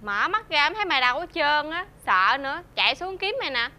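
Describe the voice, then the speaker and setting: Timid whiny young friend, very bright high voice. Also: female voice, very animated, fast, heavily acted. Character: timid, scared young companion. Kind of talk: web drama acting.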